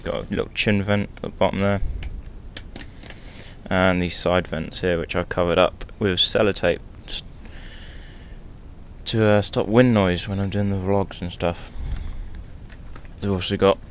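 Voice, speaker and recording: A young man with a low voice talks in an offhand, chatty way, as in a casual motorcycle vlog. He is hungover and walking through his gear. The helmet-camera recording has a faint rumbly noise behind him. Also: fairly even intonation, a little slow, pauses often. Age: young adult. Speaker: motorcycle vlogger. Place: small bedroom indoors.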